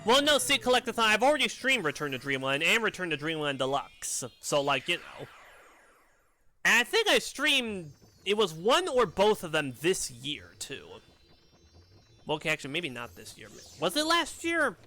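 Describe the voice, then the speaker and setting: A man streaming a video game, chatting casually in an animated, rambling way and laughing often. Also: sits high, normal speed. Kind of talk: casual gameplay commentary. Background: soft game music.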